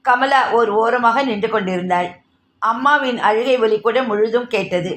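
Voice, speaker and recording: A woman reads a novel aloud in a steady narrating voice, fairly high in pitch. She speaks the characters' lines in her own voice rather than putting on new ones. The room around her adds a noticeable echo. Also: a little slow.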